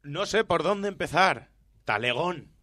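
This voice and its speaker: A man's voice: fairly high pitch, animated, measured pace, sharp tone, no room sound, studio quality. A man hosting a satirical radio countdown, mocking and sarcastic. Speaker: radio host.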